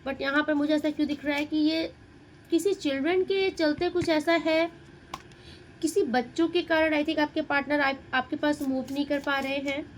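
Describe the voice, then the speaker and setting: Tarot reader, woman, high voice, muses over each card out loud. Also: fairly even intonation, normal speed, a little hiss or hum, poor audio. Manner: Hindi-English mix, addresses viewer directly, muses over cards. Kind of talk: tarot reading.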